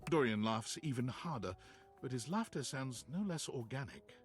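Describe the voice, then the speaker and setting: A man narrating a game in a smooth, wry scripted delivery. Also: mid-range voice, expressive, moderate pace, faint music behind, close to an everyday voice.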